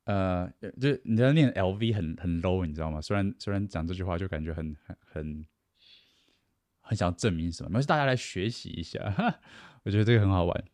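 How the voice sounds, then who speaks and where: A man's voice: sits low, animated, brisk, darkish tone, no echo. A man giving casual advice, chatty, acting out boastful people and laughing at himself. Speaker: self-help speaker.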